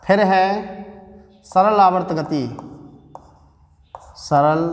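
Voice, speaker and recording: High-voiced Hindi-accented male teacher, echoey room. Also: a little mellow. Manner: explains step by step, asks and answers his own questions. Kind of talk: classroom physics lecture at a board. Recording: echoey room with long reverb.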